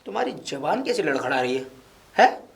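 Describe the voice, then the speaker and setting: A woman's voice: deep voice, big pitch swings, a little fast, vocal fry, exaggerated voice. A woman playing a jealous young husband in a comedy sketch, accusing and argumentative. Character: jealous young husband, suspicious and hot-tempered.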